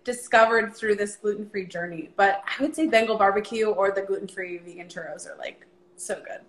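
A woman's voice: medium pitch, a little fast, reverberant, poor audio. A woman in her thirties, a podcast guest, talking in an easygoing, chatty way. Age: 30s. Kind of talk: casual chat.

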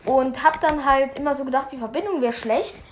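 A woman's voice: sits high, brisk, echoey room. A young woman co-hosting a podcast in casual chat, giggling often and rambling as she loses her thread. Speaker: podcast co-host.

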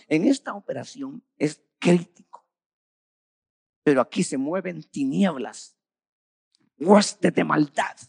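A man preaching a sermon, retelling a story with frequent calls of "hermano" and sudden swings from loud bursts to quiet drops. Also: a little high, creaky, husky, dry recording, studio quality.

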